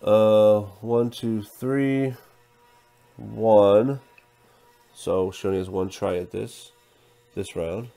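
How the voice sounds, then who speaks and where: Deep-voiced man narrating a board game. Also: steady tone, drawn-out words, gravelly, long pauses, soft background music. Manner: counts dice out loud, thinks through moves. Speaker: tabletop game player narrating a playthrough. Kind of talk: casual play-by-play, reading game text aloud.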